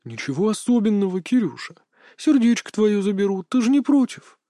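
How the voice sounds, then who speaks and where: Male reader as cruel old sorcerer: folksy, sly, higher than his own voice, dry close read. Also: very animated, normal speed, dark tone, dry recording. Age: older. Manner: folksy, chatty, mock-tender.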